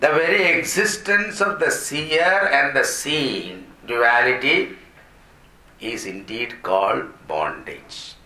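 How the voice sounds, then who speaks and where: A man's voice: medium pitch, slow pace, pushed and bright. A man with an Indian accent giving an explanatory Vedanta discourse as a spiritual teacher, repeating and glossing Sanskrit terms. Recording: roomy echo, faint background noise.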